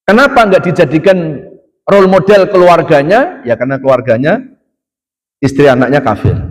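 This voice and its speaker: A man preaching in a mosque, chatting with his listeners, often asking them questions and slowly chanting Quran verses. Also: a little high. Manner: conversational, addresses audience as "Pak", asks and answers questions. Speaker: Islamic preacher. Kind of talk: mosque study sermon. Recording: long hall reverb.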